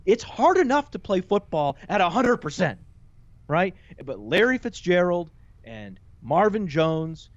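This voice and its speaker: A man talking as a guest analyst in a casual podcast chat, playful and quick with joking asides. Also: a little high, no echo, muffled recording. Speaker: guest fantasy football analyst.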